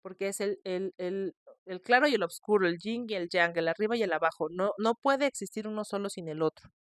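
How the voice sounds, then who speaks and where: A woman's voice: medium pitch, brisk, no room sound, clean studio sound. Chatty woman telling a horror story. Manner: chatty, expressive, shrieks in mock fright. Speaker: podcast host. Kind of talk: casual storytelling.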